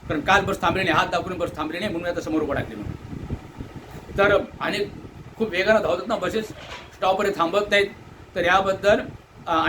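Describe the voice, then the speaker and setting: A man from delivers an earnest complaint monologue, asking indignant rhetorical questions and mimicking shouted orders. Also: sits high, noisy background. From India. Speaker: Buddhist monk airing commuter complaints. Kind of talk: direct-to-camera complaint monologue.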